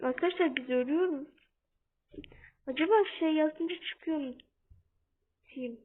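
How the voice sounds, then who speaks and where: A young-sounding woman giving casual gameplay commentary for her channel, half-shouting and keeping up a running chat with her viewers. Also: sits high, measured pace. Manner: talks a bit loudly on purpose, keeps calling out to viewers. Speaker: gaming channel host. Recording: tinny phone-like sound.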